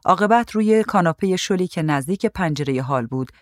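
A woman reading a story aloud in a calm, even voice. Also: lowish voice, no echo, clean studio sound. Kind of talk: storybook narration.

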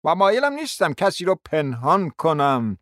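A man voicing a brusque, offended young suitor with a curt, rough delivery. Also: fairly high pitch, sing-song, fairly bright tone, dry recording, clean studio sound, pitched above the performer's own voice.

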